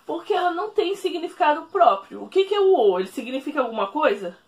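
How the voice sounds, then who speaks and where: A woman teacher explaining a lesson at a whiteboard, speaking slowly, repeating each rule and checking in with the class. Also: high-pitched, big pitch swings. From Brazil. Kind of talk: recorded remote classroom lesson.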